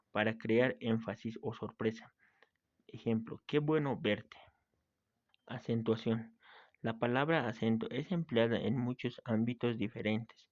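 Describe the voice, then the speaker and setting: Male teacher, steady read-aloud grammar lesson, close dry mic, slightly dull sound, mid-pitched. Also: dry recording. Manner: reads steadily from a text, with small slips and restarts.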